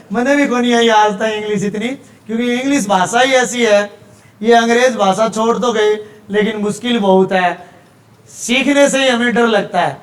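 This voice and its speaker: A man's voice: very high voice, fairly bright tone. A male teacher with a Haryanvi accent giving a classroom lecture, explaining step by step and checking in with his students often.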